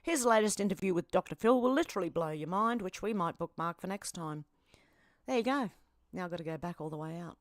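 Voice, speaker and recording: A woman's voice: lowish voice, animated, a little fast, no echo, studio quality. An Australian woman commenting on online posts, reading them aloud with blunt, sarcastic asides. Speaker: commentary vlogger.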